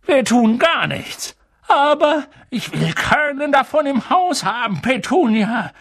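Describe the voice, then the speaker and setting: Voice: high voice, very animated, very slow, sharp tone, pitched above the performer's own voice, exaggerated voice. A reader putting on a bellowing, blustering uncle. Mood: flustered. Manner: bellowing, spluttering. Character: blustering middle-aged uncle, bullying and panicky. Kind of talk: audiobook character voice.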